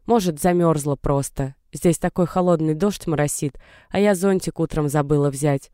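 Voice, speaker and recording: A man's voice: normal speed, warm tone, clean tone, dry recording, studio quality, close to an everyday voice. A man reading the lines of a nervy pregnant teenage girl who gets defensive with her mother. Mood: flat. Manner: defensive, pleading, rises to shrill.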